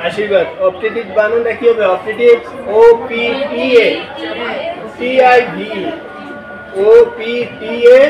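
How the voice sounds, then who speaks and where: A male teacher leading a classroom lesson, questioning the class and spelling words letter by letter. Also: sits high. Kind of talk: classroom lecture with call-and-response. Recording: echoey classroom from a distance.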